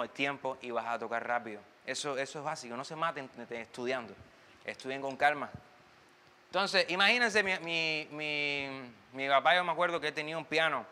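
Guy teaching timbal, bright kinda high voice, chatty and loose, long reverb in the room. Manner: chatty, loose, sings drum patterns aloud; moves and sways while talking. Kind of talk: casual online music lesson.

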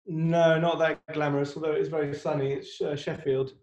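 A man's voice: on the high side, fairly quick, dull audio. A man in his thirties, a guest composer chatting in an easygoing way over a video call from home, on a laptop mic. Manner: relaxed, easygoing. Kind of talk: casual video-call chat. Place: room at home.

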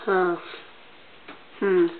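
A woman's voice: fairly low pitch, flat delivery, extremely slow. A woman hosting a casual vlog with a friend in a bedroom, teasing her and laughing often. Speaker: vlog host. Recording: lo-fi noisy webcam audio, tinny.

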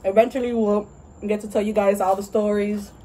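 A woman's voice: medium pitch, level tone, a little fast, mellow, a little hiss or hum. A young woman hosting her channel, chatting in a slangy, laid-back way while eating with friends. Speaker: channel host. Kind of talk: casual mukbang chat.

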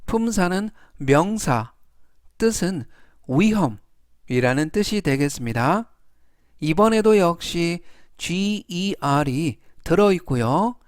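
A man teaching English reading in a slow, patient way, repeating each word three times with set explaining phrases. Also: on the high side, expressive, smooth, no room sound, clean studio sound. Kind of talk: phonics lesson.

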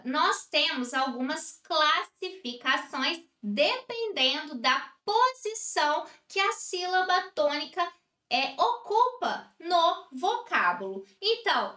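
A woman from Brazil gives a recorded grammar lesson in a bright, fairly high voice. She explains at an unhurried pace and keeps checking in with short tag questions. The room around her sounds echoey. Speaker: teacher.

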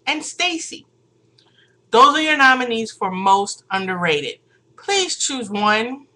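A woman's voice: mid-range voice, sharp tone. A woman vlogging casually, chatty and sassy, rambling and laughing often. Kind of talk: casual unscripted vlog.

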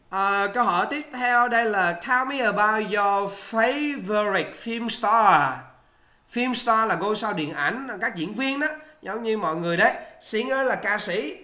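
A bright, forceful-voiced exam tutor talks learners through speaking-test answers in a casual, encouraging way, full of little filler sounds. The English model answers come slow and deliberate. The room is roomy and echoey. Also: mid-range voice, expressive. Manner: chatty and encouraging, many "à" fillers, slows down for English examples.

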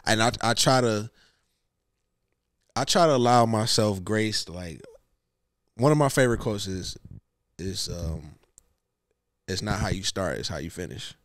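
A man co-hosting a podcast in casual chat, speaking softly and self-critically. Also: fairly low pitch, expressive, unhurried, pauses often, dry recording. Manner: soft-spoken, self-critical.

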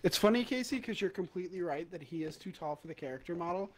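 A young man streaming a VR ghost game with friends, excitable and swearing, laughing often. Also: sits high, quick pace, a little hiss or hum. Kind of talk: casual gaming chat with friends.

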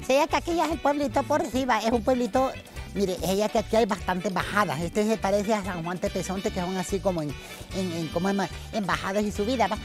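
A woman's voice: medium pitch, quick pace, music in the background. An older woman, hosting a walking tour vlog outdoors in a village street, chatting with locals and calling them dear. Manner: lively, chatty, calls people hija and hijo, shouts out to passersby. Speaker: vlog host.

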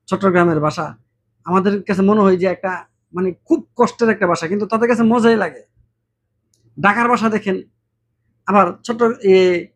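A man's voice: sits high, a little hiss or hum. Bangladeshi man. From Brahmanbaria, Bangladesh. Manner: mimics regional dialects, animated and warm-hearted. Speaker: vlogger. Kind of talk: casual monologue to camera.

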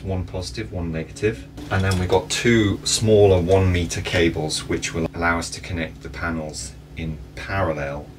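A man in his thirties, a sailing vlog host, calmly explaining his gear step by step inside a boat cabin. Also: low voice. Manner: relaxed, practical, explains step by step. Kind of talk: casual explainer. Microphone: wide camera across a table. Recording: distant camera mic with background noise.

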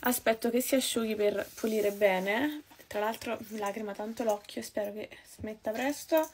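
A young woman from Naples, chatting quickly and casually to her viewers while doing her makeup. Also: a little high, a little hiss or hum. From Naples, Italy. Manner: fast-talking, chatty, addresses viewers as "raga". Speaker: beauty vlogger. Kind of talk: casual get-ready-with-me chat.

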